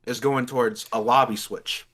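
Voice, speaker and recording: A man's voice: mid-range voice, steady tone, moderate pace, a bit bright. A young man in casual gaming chat, arguing his point while chewing gum. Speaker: podcast guest.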